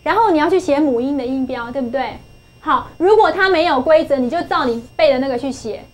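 A woman's voice: high-pitched, lively intonation, fairly quick. A middle-aged woman teaching English phonics to a class, patient and coaxing, repeating points and asking for answers. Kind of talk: classroom lesson.

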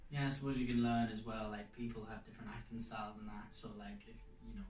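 A man hosting a casual interview, talking haltingly and padding his words with fillers. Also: fairly low pitch, flat delivery, darkish tone, recorded from a distance. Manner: halting, full of fillers and restarts. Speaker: host. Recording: roomy echo, off-mic, faint music behind.

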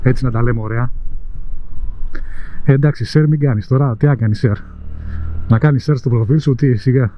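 A man's voice: medium pitch, long pauses, dull audio, a little hiss or hum. A man with a Greek accent vlogging from his motorcycle on city streets, chatting casually and teasing his viewers. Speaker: motovlogger. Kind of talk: casual chat while riding.

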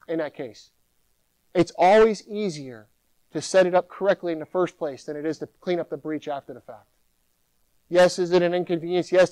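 A middle-aged man fields audience questions from a conference podium, lively and animated. His voice sits high for a man. The sound is dry and close. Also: no room sound, rough recording. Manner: animated, mimics users in mocking voice. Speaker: keynote speaker. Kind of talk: conference Q&A answers. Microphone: podium microphone.

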